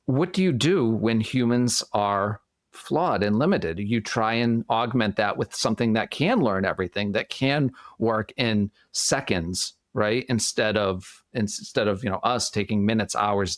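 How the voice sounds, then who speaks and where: This podcast guest, a man with a Boston accent and a fairly low voice, lays out his views in an interview, often asking himself questions and then answering them. The recording is studio quality with no echo.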